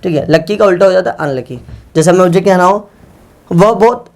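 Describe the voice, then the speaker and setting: A male teacher giving a vocabulary lesson who reads each English example sentence slowly and word by word, and often addresses his learners as friends and repeats words for practice. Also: high-pitched, darkish tone.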